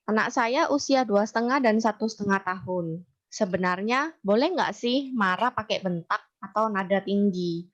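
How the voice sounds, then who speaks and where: A woman moderating a parenting class, politely reading out viewers' questions in an even voice. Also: mid-range voice, moderate pace. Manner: polite, reads questions aloud evenly. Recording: dull lo-fi recording.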